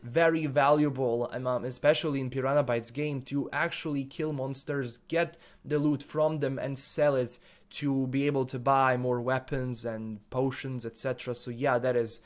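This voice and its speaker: A man's voice: mid-range voice, fairly even intonation, moderate pace, hardly any pauses. A man from Bosnia, hesitantly reviewing a game and answering viewer comments, full of fillers and repeated words. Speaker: gaming YouTuber.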